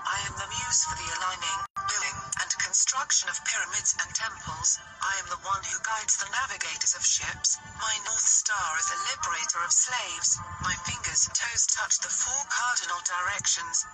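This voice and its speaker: A woman's voice: mid-range voice, expressive, moderate pace, hardly any pauses, lightly acted. A woman voicing a majestic ancient star goddess in solemn, grand, declaiming narration, heard from a distance over music. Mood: solemn, exalted.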